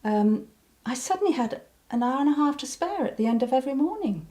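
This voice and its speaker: Mellow-voiced older woman recalling, hesitant. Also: high voice, expressive, brisk. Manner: hesitant, many ums and restarts, breaks into laughter. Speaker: interviewee. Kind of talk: reflective personal recollection.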